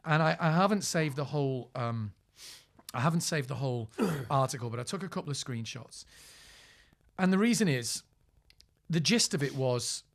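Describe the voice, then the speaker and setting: Lively, animated man in casual chat. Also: medium pitch, normal speed. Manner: animated storyteller, frank and expressive. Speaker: podcast co-host. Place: small podcast booth.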